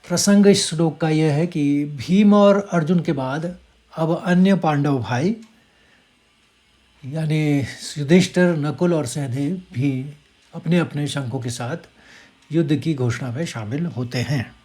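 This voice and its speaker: Chanting a Sanskrit verse line by line in a slow, stretched manner, a man then shifts to faster spoken explanation of how the sounds are pronounced. He has a warm voice on the high side.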